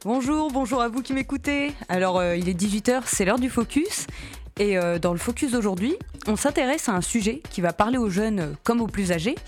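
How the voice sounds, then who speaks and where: A young woman hosting a radio interview, friendly and relaxed with frequent fillers. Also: a little high, fairly quick, faint music behind. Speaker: radio host.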